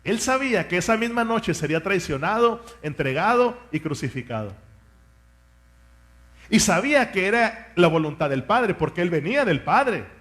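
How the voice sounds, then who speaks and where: A man's voice: high-pitched, big pitch swings, moderate pace, a bit bright. A man, a pastor, preaching a sermon with fervent rhetorical questions and asking his congregation to repeat words after him.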